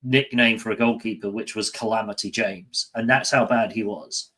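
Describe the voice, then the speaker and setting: A man's voice: fairly low pitch, fairly even intonation, normal speed, pushed and bright. A man with a British accent co-hosting a casual football chat show, chatty, often laughing and trailing off mid-sentence. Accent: British English. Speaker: podcast co-host.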